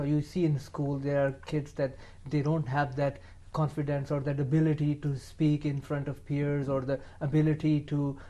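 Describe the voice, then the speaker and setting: A man's voice: a little high, dark tone. A man hosting a youth talk show, asking questions with many hesitations and restarts. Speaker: TV show host.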